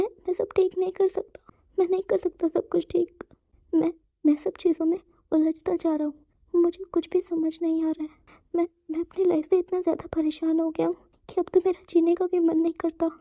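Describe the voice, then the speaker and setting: A weary young man who earnestly pours out his troubles, as a woman reads him aloud in a storybook retelling. His voice sits high, and the recording is thin and tinny, like a phone line, with no room echo at all. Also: natural voice. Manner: earnest, pouring out his burdens. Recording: tinny phone-like dry sound.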